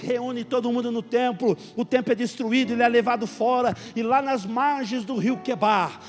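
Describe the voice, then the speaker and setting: A man with a Brazilian accent preaching a sermon, telling a story with sudden swings from hushed to loud. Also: extremely high pitch, steady tone, moderate pace. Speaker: pastor. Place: church hall. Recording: long reverb with faint music.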